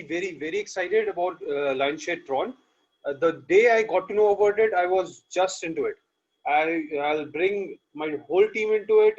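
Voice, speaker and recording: A man from Malaysia joining a video call, eager and repeating words for emphasis. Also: fairly high pitch. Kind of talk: casual guest remarks. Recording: dull lo-fi call audio.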